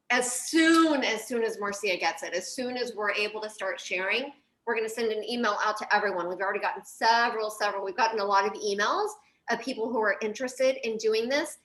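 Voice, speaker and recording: Female co-host, fairly high voice, echoey, emphatic and enthusiastic casual promo. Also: fairly bright tone. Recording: echoey room sound.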